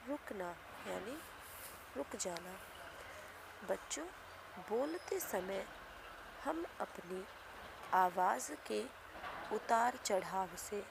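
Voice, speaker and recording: A woman's voice: medium pitch, vocal fry, noisy background. A woman teacher giving a grammar lesson to young children, explaining patiently and repeating key points. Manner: patient, repetitive explaining with frequent "ठीक है".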